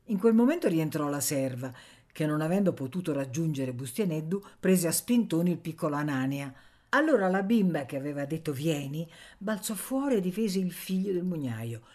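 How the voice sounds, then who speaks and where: A woman reading a novel aloud for radio in a measured, expressive way. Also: low-pitched. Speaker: audiobook reader.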